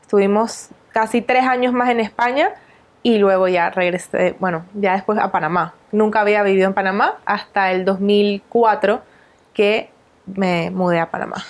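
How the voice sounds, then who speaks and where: Woman in her 30s from venezuela, calm interview guest, medium-high voice. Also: normal speed. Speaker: guest nutritionist. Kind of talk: interview storytelling.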